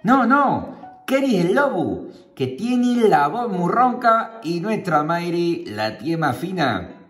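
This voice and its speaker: A woman with an Extremaduran accent voicing little goat kids in high, insistent tones. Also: big pitch swings, slow pace, echoey room, far from the mic, faint music behind. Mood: wary.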